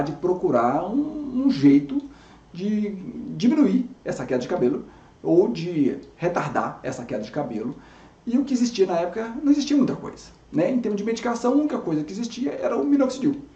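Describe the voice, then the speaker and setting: A man in his fifties speaks as a dermatologist recounting his own experience, often restarting his sentences. His voice is high and mellow. The sound is dull and echoey, as if from a bare room. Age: 50s. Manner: chatty, self-correcting, frequent restarts. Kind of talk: personal story to camera.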